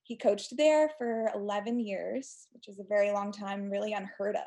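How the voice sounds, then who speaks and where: A woman in her twenties from Texas, a guest telling stories in a chatty, animated way during a casual interview. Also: medium pitch, moderate pace. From United States (Texas). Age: 20s.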